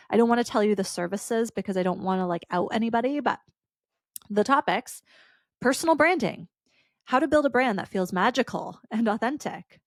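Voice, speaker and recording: A woman with a mid-range voice hosts a solo podcast, chatting casually and peppering her speech with "like." She sounds stuffy and congested, and the recording has no echo.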